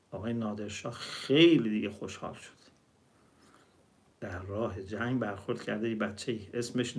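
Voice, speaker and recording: Male preacher, storytelling sermon, slow recitations. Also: on the low side. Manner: explains word meanings, recites verses slowly.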